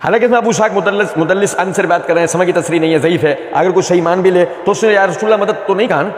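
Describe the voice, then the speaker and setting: A man giving argumentative religious commentary, mocking and repeating phrases for emphasis. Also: sits high. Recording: echoey room with long reverb.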